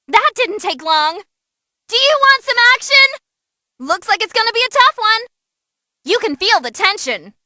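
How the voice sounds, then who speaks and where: Koto, very high, gleeful fight announcer. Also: female voice, bright, forceful tone, dry recording, exaggerated voice. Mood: teasing, then excited. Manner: gleeful, teasing, theatrical delivery. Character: bloodthirsty, bubbly young female fight tournament announcer. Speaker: fight commentator. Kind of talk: excited ringside game commentary.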